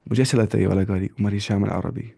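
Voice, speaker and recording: A man teaching a live online Quran reading lesson, drilling letters and sounds slowly one by one. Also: on the low side, steady tone, gravelly, mellow, slightly rough. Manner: slow drawn-out letter-by-letter drilling.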